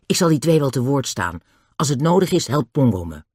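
A man voicing a calm, brave boy on a holiday adventure, speaking steadily. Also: medium pitch, brisk, breathy edge, no echo, clean studio sound.

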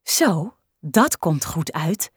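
A woman doing a gentle kindergarten teacher. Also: low-pitched, big pitch swings, drawn-out words, breathy edge, no room sound, studio quality, exaggerated voice. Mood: coaxing. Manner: gentle, coaxing. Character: warm patient female kindergarten teacher. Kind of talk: storybook reading.

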